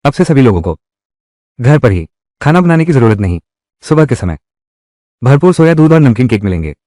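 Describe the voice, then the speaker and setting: A man's voice: medium pitch, big pitch swings, moderate pace, warm tone, dry recording, clean studio sound, natural voice. A man voicing a village leader who makes announcements like a town crier, rallying the people in a dubbed drama. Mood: promising.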